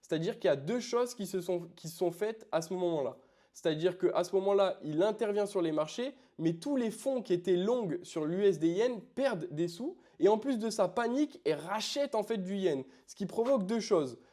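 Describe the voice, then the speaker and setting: A man's voice: sits high, expressive, moderate pace, warm tone. A man casually explaining a trading strategy to the viewer. He talks informally and often fills his sentences with small filler phrases. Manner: informal, addresses viewer as "tu", many fillers like "du coup"; explains while pointing at charts. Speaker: forex trading educator.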